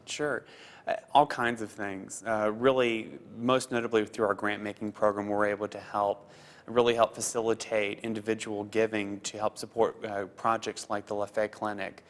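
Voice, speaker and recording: A man in his thirties who grew up in Costa Rica, a foundation program officer answering interview questions earnestly, halting with fillers and repeats. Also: fairly low pitch, little pitch movement.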